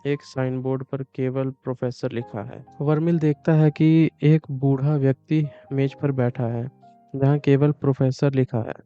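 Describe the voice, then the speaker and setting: A man narrating a comic story recap in a smooth, resonant voice that stays flat and level throughout. The recording is slightly dull and lo-fi, with music playing softly behind him. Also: medium pitch, unhurried.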